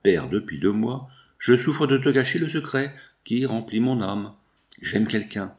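A man's voice: medium pitch, expressive, measured pace, darkish tone, close to an everyday voice. A man reading aloud and voicing a frail young woman in love who pleads tearfully with her father. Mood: pleading. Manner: tearful, imploring.

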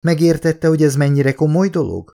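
A man's voice: fairly high pitch, gravelly, dark tone, pitched above the performer's own voice. A man reading an audiobook, voicing a fiery, stubborn young vegan woman who lectures indignantly.

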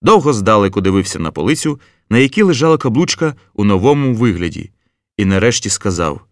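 A man narrating an audiobook in an even storytelling manner. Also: fairly low pitch, a little fast, no room sound, clean studio sound. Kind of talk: scripted narration.

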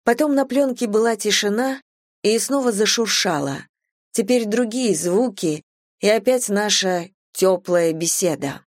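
A woman narrating a first-person short story aloud with an expressive, lively delivery. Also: medium pitch, measured pace, no room sound, clean studio sound. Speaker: audiobook reader.

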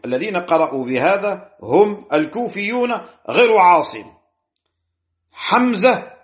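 A male teacher lecturing on jurisprudence and Quranic readings, his voice pitched a little high and moving lively up and down. He stretches key words out slowly and stops to cite books and page numbers. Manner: deliberate, drawing out key words and citing sources.

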